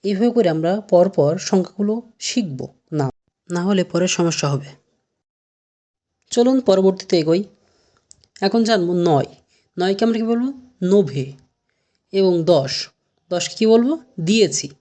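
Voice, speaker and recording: A woman teaching a language lesson, asking a question and then answering it, repeating each word slowly. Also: medium pitch, mellow. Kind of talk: slow spoken language lesson.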